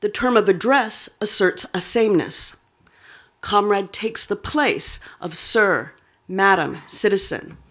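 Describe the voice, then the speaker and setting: A woman delivering an academic lecture in a voice of ordinary pitch for a woman. She reads from a prepared text and now and then adds a quick aside or filler. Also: a bit bright. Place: lecture hall.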